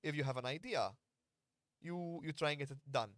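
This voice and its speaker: A Maltese podcast host and fight coach talks frankly and at length in casual conversation, blunt and earnest, swearing freely as he explains things. His voice is a little high, fairly quick and a bit bright, captured in a dry, studio-quality recording.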